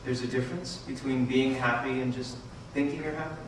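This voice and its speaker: Guy playing a smooth shrink, coaxing questions, boomy far off theater tape w band. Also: fairly even intonation, brisk, noisy background, close to an everyday voice. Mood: calm probing. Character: calm smooth male psychiatrist. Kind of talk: stage musical acting. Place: large theater stage. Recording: distant echoey theater bootleg, live band.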